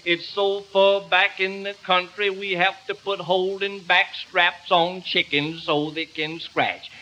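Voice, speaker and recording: A man's voice: high-pitched, little pitch movement, slow pace, sharp tone, highs cut off, a little hiss or hum. A man delivering a folksy rural comedy monologue full of tall tales and tongue-twisters.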